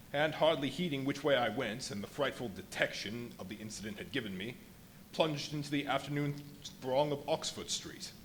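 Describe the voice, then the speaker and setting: This low-quality live recording from a brewery venue has a man voicing the Invisible Man, a boastful, feverish, volatile scientist telling of his crimes in a radio play monologue. His medium-pitched, slightly bright voice sounds agitated and swings dramatically, with literary phrasing and emphatic pauses over audible background noise.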